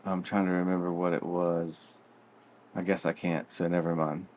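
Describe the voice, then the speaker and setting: Joking man with a low voice. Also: little pitch movement, normal speed, a little mellow. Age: adult with kids. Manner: joking, playful, acts out silly voices. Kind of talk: casual comedic chat.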